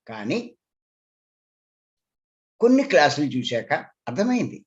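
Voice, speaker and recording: A man gives a spiritual talk as a meditation teacher, his voice pitched somewhat high. He explains earnestly and emphatically, circling back over the same points. The recording sounds dull and lo-fi. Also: sing-song, a little slow, darkish tone.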